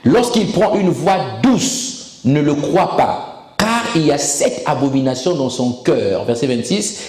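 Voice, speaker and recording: Animated high-voiced man preaching a sermon. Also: reverberant, poor audio. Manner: emphatic and animated, calls for amens. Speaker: pastor.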